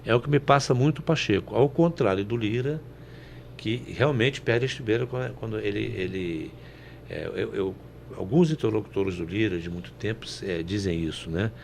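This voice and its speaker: A man's voice: on the low side, normal speed, gravelly, darkish tone, slight background noise. A man from Brazil commenting on politics on a panel show, folksy and anecdotal, often ending with "né?".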